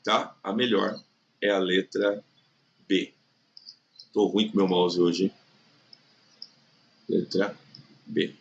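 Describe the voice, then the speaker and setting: A man with a low, level voice and vocal fry teaches a recorded online exam prep lesson in Brazilian Portuguese, and the sound is lo-fi. Chatty and often checking in, he slows down and stretches words to highlight the stressed syllable.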